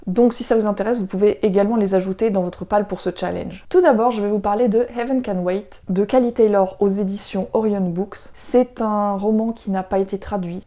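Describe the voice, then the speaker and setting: Chatty woman with a mellow voice. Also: medium pitch. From France. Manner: chatty, conversational, amused by the story. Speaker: book reviewer. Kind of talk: casual book recommendation video.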